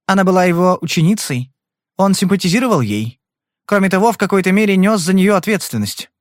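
A fierce, protective wife who refuses to back down, voiced by a man reading a detective novel. Her voice sits fairly high and swings widely in pitch as she pushes back. The sound is close and dry. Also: expressive, a little fast, dry recording. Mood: defiant. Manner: insistent, protective. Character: defensive, fierce middle-aged wife.

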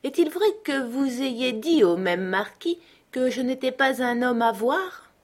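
A woman's voice: sits high, animated, a little slow, pitched above the performer's own voice. An ironic middle-aged country doctor, cold and dry with a mocking edge, as a woman reads him. He never raises his composure. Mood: cool.

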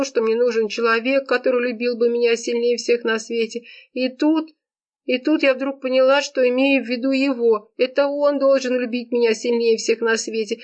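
A woman's voice: muffled recording, natural voice. A woman voicing sobbing lovesick Serafima. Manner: wailing, high and strained. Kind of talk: audiobook character voice.

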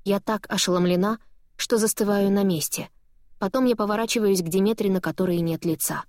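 A woman narrating a novel in first person with a lively, dramatic reading. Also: medium pitch, a little fast, no echo, clean studio sound. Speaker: audiobook narrator.

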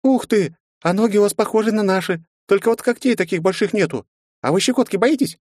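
A man's voice: high voice, darkish tone, no echo, clean studio sound, voice pushed up. A man doing an eager chattering little girl. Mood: eager curious. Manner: eager rapid questions.

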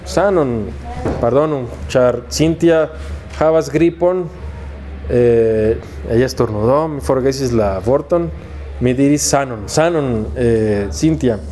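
Slow, patient Mexican man teaching. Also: medium pitch, dark tone, a little hiss or hum. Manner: slow, patient, drills pronunciation word by word. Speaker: Esperanto teacher. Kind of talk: classroom teaching. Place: university lecture hall.

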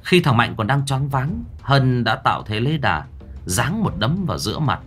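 A man narrating a story in a dramatic, animated way. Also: medium pitch, normal speed, soft background music. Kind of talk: scripted storytelling.

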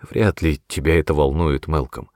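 A man reading an audiobook, voicing a reserved young priest who speaks quietly and with restraint. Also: very deep voice, steady tone, moderate pace, no room sound, studio quality, voice pushed down. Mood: quiet regret. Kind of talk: audiobook character voice.

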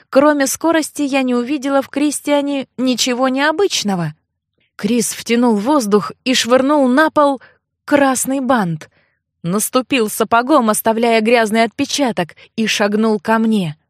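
Brief: woman audiobook narrator, bright higher voice, expressive first-person read, dry close mic. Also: dry recording.

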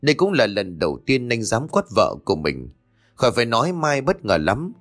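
A man narrating a ghost-story audiobook with expressive storytelling. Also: mid-range voice, a little fast, no room sound, faint music behind.

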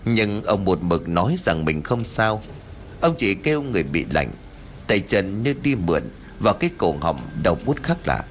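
Expressive male horror audiobook narrator. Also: fairly low pitch. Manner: expressive storytelling. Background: faint background music.

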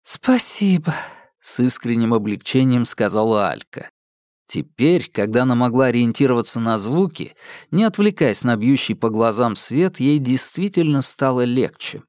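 Audiobook narrator, man, steady tense thriller read, dry close sound, mid pitch. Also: normal speed, no echo. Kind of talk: scripted narration.

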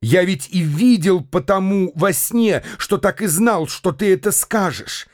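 A man's voice: high voice, measured pace, no echo, studio quality. A man narrating a radio drama in the first person who bursts out with agitation in his own lines.

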